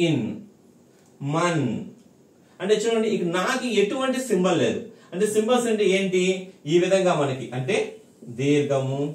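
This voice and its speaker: A male language teacher with a fairly high-pitched, darkish voice gives a recorded lesson, explaining patiently, repeating points, and often checking his students follow. The room is echoey and the mic sits at a distance.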